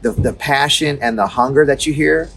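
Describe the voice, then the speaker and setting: A man's voice: mid-range voice, moderate pace, a bit bright, slight background noise. A middle-aged man hosting a casual music chat, rambling and enthusiastic with lots of fillers, on a street at night. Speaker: show host.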